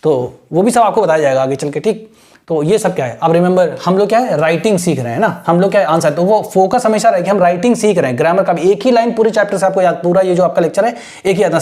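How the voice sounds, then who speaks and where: Fast-talking male teacher. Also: sits high, darkish tone. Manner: explains step by step with constant "right?" check-ins. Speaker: English teacher for exam aspirants. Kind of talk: mixed Hindi-English lecture.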